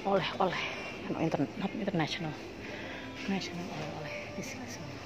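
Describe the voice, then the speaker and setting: A woman's voice: on the low side, lively intonation, a little fast, over loud music, rough recording. A woman vlogging as she shops in an indoor food shop, chatting and exclaiming, filmed on a handheld phone. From Indonesia. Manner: chatty, exclaiming, mixing English and Indonesian. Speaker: vlogger shopping. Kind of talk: casual chat. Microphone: handheld phone camera. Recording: loud shop background noise.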